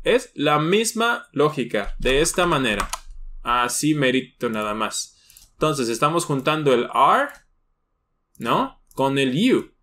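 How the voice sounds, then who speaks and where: Man, slightly high voice, patient step-by-step online English teacher who keeps checking in with his students. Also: a bit bright. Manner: patient, explains step by step with frequent tag questions. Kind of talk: online lesson.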